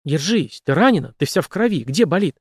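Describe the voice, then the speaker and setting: A man voicing a big, kind-hearted young man who talks urgently in a rough, colloquial way. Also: fairly high pitch, sing-song, fairly quick, no echo, studio quality.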